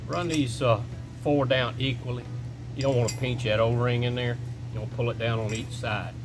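In an indoor workshop with music underneath and a noisy background, a middle-aged man shows a repair. As the shop owner, he gives casual, plain step-by-step instruction with folksy phrasing, his mid-range voice steady at normal speed.

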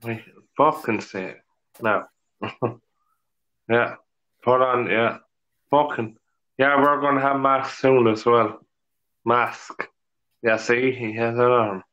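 An Irish man with an Irish accent chats casually on a video call, swearing now and then and laughing a lot. His mid-range voice has a fairly bright tone, and he talks slowly with frequent pauses. The call audio is dull and lo-fi.

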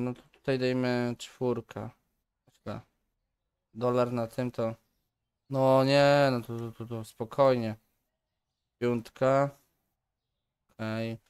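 A man's voice: mid-range voice, level tone, slow, pauses often, darkish tone, clear, resonant tone. A man giving casual, playful commentary while playing a game, bantering in a mock-polite shopkeeper tone. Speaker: gaming YouTuber. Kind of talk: casual let's play commentary.

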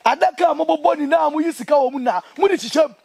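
A young Ghanaian man speaks at a very rapid clip in an impassioned interview. His voice sits extremely high for a man, and his delivery is indignant, emphatic and animated. The sound is close and dry. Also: gravelly, dry recording. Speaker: interview guest, traditional priest. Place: outdoors among trees.

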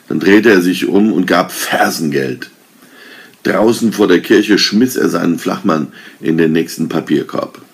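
A man reads a Christmas story aloud in a measured, calm way. His voice is low and gravelly, with a husky grain, and he takes his time. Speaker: reader.

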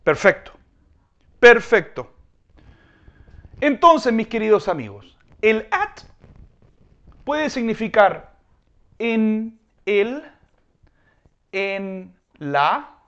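A man teaching English in Spanish, drawing out words slowly and teasing his students playfully. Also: high voice, sing-song, a bit bright, dull audio. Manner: drawn-out, slow drilling of English words. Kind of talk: Spanish-language English lesson.

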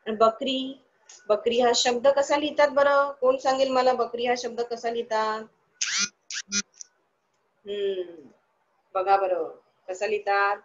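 A woman's voice: a little high, steady tone, slow pace, long pauses, lo-fi sound. A woman teaching young children in an online class, asking the class questions and answering them herself in a sing-song, coaxing way.

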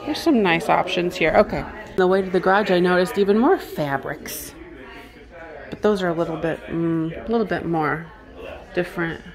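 There's crowd noise as a woman antiques reseller vlogs on a handheld phone or camera, murmuring casual commentary while shopping estate sales in a house and garage. Her voice is on the low side and her speed normal.

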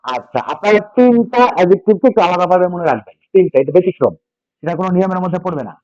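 Rapid-fire and animated, this man has a high-sitting voice with a darkish tone. He teaches English grammar in a call-and-response classroom setting, repeating key points and quizzing students, and the recording is dull, dry and lo-fi.

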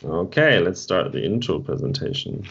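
A man's voice: deep voice, very animated, normal speed, gravelly, fairly bright tone, husky. A man co-hosting an online meetup stream, chatting casually and rambling as he reads and answers the chat. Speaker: meetup co-host. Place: home. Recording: dull lo-fi stream audio.

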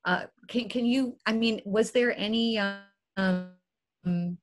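A woman's voice: on the high side, soft background music. Hesitant woman hosting a video call. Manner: hesitant, halting questions. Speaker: host. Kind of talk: casual webinar moderation.

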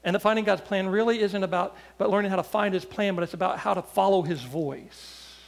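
A man's voice: high voice, a little fast, gravelly. A male pastor preaching a sermon, telling stories in a loose, conversational way with frequent restarts. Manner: storytelling with repeated restarts.

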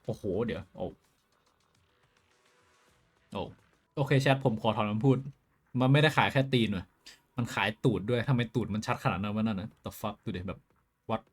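A man streaming a game live, talking with his viewers in a profane, excitable way that swings between loud outbursts and quiet muttering. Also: fairly low pitch, normal speed, long pauses, soft background music. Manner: switches between shouting and muttering. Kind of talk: casual live-stream commentary.

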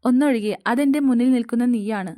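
A woman voicing a troubled young man who haltingly confesses a crime in an audio story. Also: a little high, dark tone, lightly acted. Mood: remorseful. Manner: halting, guilt-ridden confession.

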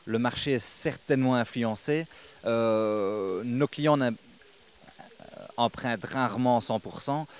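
A man's voice: mid-range voice, takes it slowly, clean tone. A young man answering interview questions outdoors into a handheld microphone, businesslike and hesitant, with many fillers. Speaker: real estate agent. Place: outdoors on a lawn.

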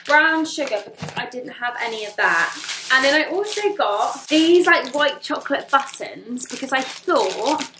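A chatty woman in her twenties vlogs to a close handheld camera, her slightly high voice bouncing with upbeat exclamations. Her home kitchen gives the sound a roomy echo, with a faint hiss behind her. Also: big pitch swings, measured pace. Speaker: vlogger. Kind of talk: casual chat to camera.

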